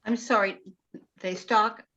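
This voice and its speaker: A woman's voice: mid-range voice, steady tone, takes it slowly. A woman hosting a society video call, effusive and a little flustered. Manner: warm and effusive, laughing, slightly flustered. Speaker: society host. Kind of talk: casual moderating on a video call. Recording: dull video call audio.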